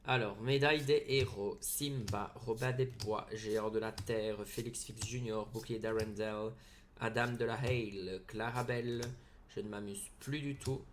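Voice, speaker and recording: A man hosting a card-opening video, casually reading out card names one after another with short excited asides. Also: lowish voice, measured pace, slight background noise.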